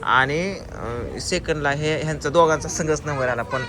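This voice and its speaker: A man's voice: a little high, moderate pace, a crowd in the background. Man cheering on a food race over street noise. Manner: urges and teases, counts out scores. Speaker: vlogger running a family food challenge. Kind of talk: casual excited commentary.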